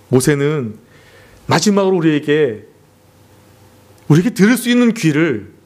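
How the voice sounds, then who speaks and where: Animated male pastor with swooping pitch. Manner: earnest, acts out family scenes with sweeping pitch swings. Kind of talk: sermon. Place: church sanctuary.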